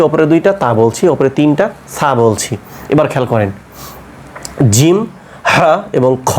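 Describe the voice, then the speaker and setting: A patient male Quran teacher drills letter sounds in a step-by-step pronunciation lesson. He repeats each sound slowly and often asks "right?". His voice is on the high side and a little mellow.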